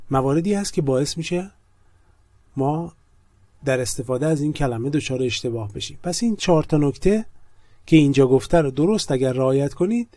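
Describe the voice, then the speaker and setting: A man whose first language is Persian teaches an English grammar lesson in a slightly raised voice. The sound is close and dry, with no room around it. He talks quickly when he explains and slows to a careful, deliberate pace when he reads the example sentences. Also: on the high side, dark tone, dry recording.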